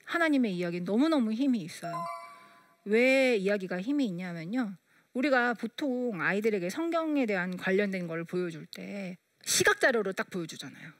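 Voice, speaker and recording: A woman's voice: medium pitch, animated, moderate pace, dry recording. A woman giving a lecture on parenting, telling stories and acting out the dialogue in quoted voices. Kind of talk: storytelling lecture.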